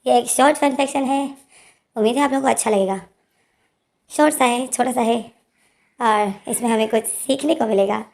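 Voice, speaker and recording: A young woman with a sore throat reads out a fan fiction in a casual, chatty way and keeps talking to her audience. Her voice is mellow and sits a little high. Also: moderate pace, vocal fry, long pauses. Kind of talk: casual story reading.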